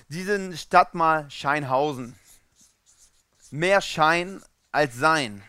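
Preacher guy, kinda high voice, loud then soft, very animated, dry sound. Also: clean tone, no room sound. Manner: animated, swings between loud and quiet, acts out voices. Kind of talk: sermon.

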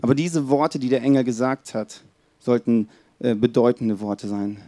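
A mid-range, steady male voice delivers an earnest Christmas Eve sermon in church, addressing the congregation head-on and easing into a soft, slow tone for scripture readings. The recording is dry.

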